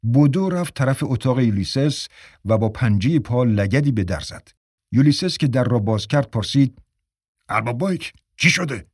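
A man's voice: medium pitch, lively intonation, mellow, dry recording. Man narrating a novel, dry close sound. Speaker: audiobook narrator. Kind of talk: scripted narration.

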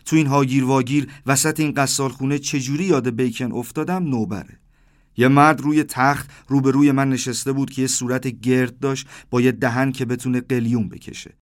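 A man's voice: medium pitch, fairly even intonation. A man in his thirties narrating a surreal first-person story, with livelier delivery when he quotes the exchanges. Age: 30s.

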